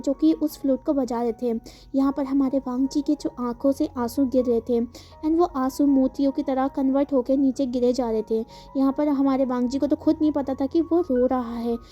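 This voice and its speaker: A woman's voice: high voice, mellow. A woman casually telling a fan fiction story, chatty with frequent fillers and English words mixed in. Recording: slightly dull, faint background music.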